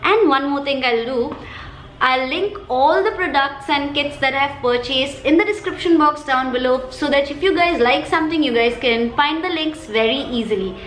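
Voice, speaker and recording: A woman's voice: high-pitched, normal speed, fairly bright tone. A woman with an Indian accent giving a chirpy, chatty haul video as a beauty vlogger, repeating words for emphasis. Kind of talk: casual shopping haul video. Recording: echoey room, faint background noise.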